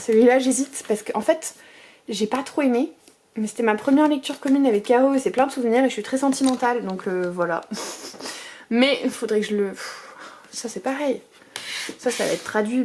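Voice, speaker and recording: A woman's voice: on the high side, a little mellow, slight background noise. Chatty, gushing woman in her thirties. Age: 30s. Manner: chatty and gushing, piles up superlatives; rambling with frequent fillers and restarts. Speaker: book vlogger. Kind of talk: casual bookshelf tour chat.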